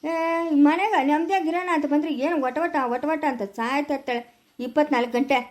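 A woman's voice: high voice, steady tone, fairly quick, lightly acted. A woman playing a defiant village son. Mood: soothing. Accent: rural Chikkaballapura Kannada. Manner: curt, dismissive, then soft cooing with a baby. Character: grown village son, defiant and sharp-tongued. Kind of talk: amateur family skit.

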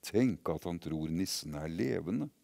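A man's voice: sits low, animated, creaky, warm tone, no echo, clean studio sound. A man voicing a crowd of exclaiming, slightly sceptical grown-ups watching a shop window in a story. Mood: amazed. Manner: exclaiming, chattering, a bit sceptical. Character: crowd of amused grown-up onlookers.

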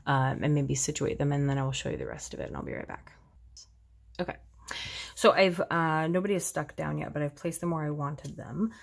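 A woman narrating a casual card-making tutorial in a relaxed, chatty way with self-deprecating asides. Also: deep voice. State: sneezing, slightly congested.

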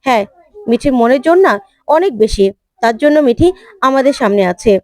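A furious young husband who scolds and warns an elder in sharp, clipped lines, as a woman narrator plays him. The voice sits high and dry, close to the mic, in a plain retold serial drama. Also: animated, fairly quick, no echo. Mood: firm. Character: angry young man defending his wife.

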